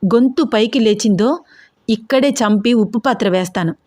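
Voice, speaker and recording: A woman's voice: a little high, moderate pace, darkish tone, no echo, studio quality, close to an everyday voice. A woman voicing a stern angry young man. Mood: stern anger. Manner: stern, threatening.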